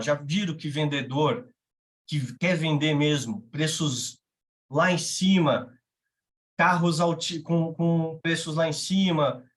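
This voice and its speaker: A man with a Brazilian Portuguese accent teaching a live class, talking conversationally and checking in with his listeners. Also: a little high. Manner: conversational, checks in with tag questions. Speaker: veterinary sales instructor.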